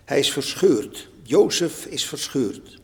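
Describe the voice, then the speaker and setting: A man reading the part of Jacob, a grieving old father, in a slow, subdued way, with long church reverb around him. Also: mid-range voice, sing-song, darkish tone.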